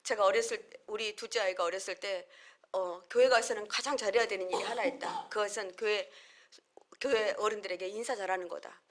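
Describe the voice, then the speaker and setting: Korean woman pastor preaching earnestly. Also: fairly bright tone. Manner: earnest, conversational preaching with homely family examples; acts out short quoted lines with sudden rises in pitch and volume. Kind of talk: sermon.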